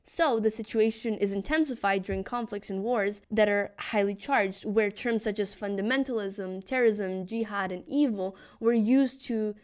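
A woman hosting a podcast, explaining a topic in a steady, scripted way. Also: mid-range voice. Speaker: podcast host.

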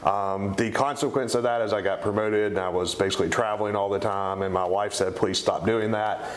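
A man's voice: on the low side, fairly even intonation, fairly quick. A middle-aged man with an East Tennessee accent, answering interview questions in a conversational way. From East Tennessee, United States. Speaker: interview guest, company co-founder. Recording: roomy, echoing sound.

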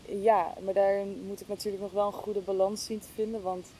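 In a level, dark tone and at a slightly quick pace, a woman thinks aloud hesitantly during a casual, reflective conversation. She is both interview guest and podcast hostess. The recording is low quality, with a clear low rumble in the background.

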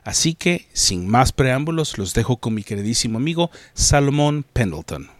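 A man hosting a podcast interview, joking and teasing his guest with quick banter. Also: mid-range voice, very animated. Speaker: podcast host. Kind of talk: casual interview chat.

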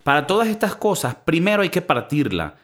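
In a brisk, fairly high-pitched voice, a man with a Venezuelan Spanish accent co-hosts a podcast. He keeps things casual and animated, using slang and swearing freely.

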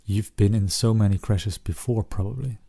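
Male sleep-story style relaxation guide: low, soft-edged, gentle, unhurried pauses. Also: fairly even intonation, gravelly, slightly rough, no echo.

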